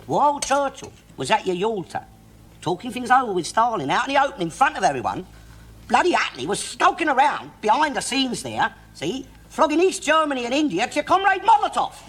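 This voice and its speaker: An actor playing a loudmouthed, bigoted, middle-aged working-class man, ranting and swearing in a Cockney accent. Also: extremely high pitch, sing-song, brisk, exaggerated voice. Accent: London Cockney. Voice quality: loud, ranting, swears constantly, tag questions. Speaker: sitcom lead character. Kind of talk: 1960s TV sitcom acting. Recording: noisy old TV soundtrack.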